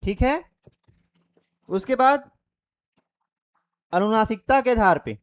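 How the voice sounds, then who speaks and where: Speaking slowly in a high, clear and resonant voice with lively intonation, a young man walks students through Hindi grammar online. He demonstrates vowels aloud and keeps checking in as he goes step by step.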